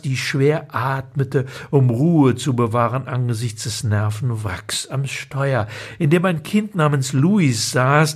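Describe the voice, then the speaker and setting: A man reads his own humorous column aloud, telling it in a dry, ironic way and acting out the quoted lines. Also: mid-range voice. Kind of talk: expressive reading of a humorous column.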